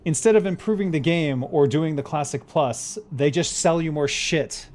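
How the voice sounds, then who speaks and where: A man's voice: on the high side, moderate pace, a little mellow. Man streaming on a headset mic. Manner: mutters to himself while playing, then speeds up to argue a point. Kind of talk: casual gameplay livestream chat.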